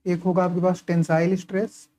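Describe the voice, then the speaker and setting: Mellow-voiced engineering tutor, self-questioning. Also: male voice, completely flat delivery, a little fast. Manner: keeps asking and answering his own questions, frequent "okay" and "right" check-ins; writes and highlights while talking. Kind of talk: casual lecture explaining course material.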